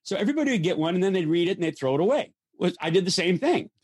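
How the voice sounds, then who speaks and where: Older man telling lively show-business stories. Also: high-pitched, very fast, breathy edge, no room sound, studio quality. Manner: lively storyteller, acts out quoted voices, frequent restarts. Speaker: guest, former stuntman. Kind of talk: anecdotal storytelling.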